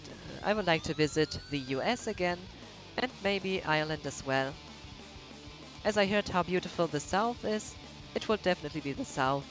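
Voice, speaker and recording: A man with a somewhat high voice talks casually while playing a video game. His English is hesitant, full of restarts and filler as he searches for words. Soft game music plays faintly in the background. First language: German. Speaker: let's play streamer. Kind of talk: casual chat while gaming.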